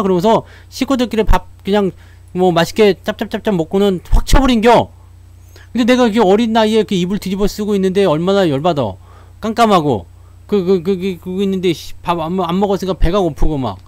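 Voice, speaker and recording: A man's voice: sits high, brisk, darkish tone, no room sound. A man giving casual stock market commentary to his viewers, telling stories in a chatty way and laughing often.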